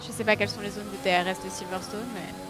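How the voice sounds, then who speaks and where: Over loud music, a fast-talking woman with a mid-range voice gives live commentary on a racing game she's streaming. She addresses her audience excitedly, yelps when she slips up, and pokes fun at herself, with the game's engine noise in the background.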